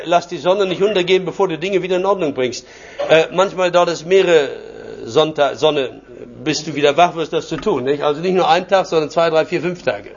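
An older man preaching a personal sermon, telling stories from his own life with chuckles mixed in. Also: fairly high pitch. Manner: anecdotal, chuckling storyteller. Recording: dull lo-fi recording.

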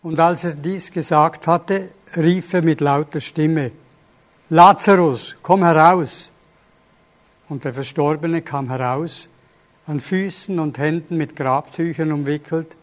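A man reading Bible verses aloud in a steady, measured way during a teaching. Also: fairly high pitch. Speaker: scripture reader.

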